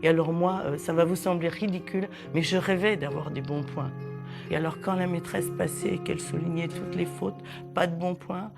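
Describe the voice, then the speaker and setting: Creaky-voiced Italian-born woman in her sixties. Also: on the low side, steady tone, loud music behind the voice. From southern Italy. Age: 60s. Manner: halting, reflective storytelling with many fillers. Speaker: interviewee. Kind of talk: personal testimony in a documentary.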